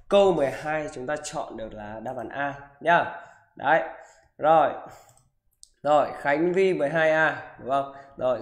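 A man teaching physics, talking students through exam questions in a live online class and checking in with them after almost every sentence. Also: fairly high pitch. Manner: keeps asking "được chưa?" and "đúng không?".

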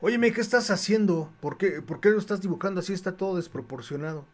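A man's voice: high-pitched, lively intonation, a little fast, pitched above the performer's own voice. A man putting on a haughty Mexican gym owner. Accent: Mexican Spanish. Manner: haughty, bossy and complaining. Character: arrogant, blustering male gym owner.

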